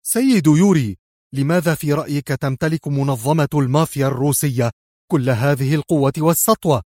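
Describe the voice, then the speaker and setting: A man's voice: on the high side, fairly quick, a little mellow, dry recording, studio quality, natural voice. A man voicing a charming young woman television interviewer asking questions. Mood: inquiring. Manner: sweet, inquisitive.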